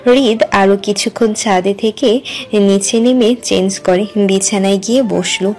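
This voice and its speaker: A woman narrates a romantic audio story in a plain storytelling manner. Her voice sits at a medium pitch, with faint music underneath. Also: moderate pace, darkish tone. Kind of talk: scripted narration.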